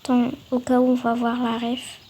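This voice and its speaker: A woman's voice: fairly high pitch, completely flat delivery, moderate pace, dark tone, slight background noise. A woman talking through a game tutorial, hesitant, with many fillers and restarts. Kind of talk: casual game tutorial voice-over.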